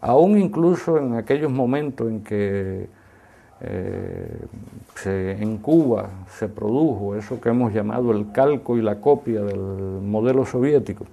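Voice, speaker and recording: A man gives an extended analytical interview answer as an academic, deliberate and didactic, with emphatic stresses and pauses. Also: on the low side, animated, creaky, warm tone. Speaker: academic expert being interviewed.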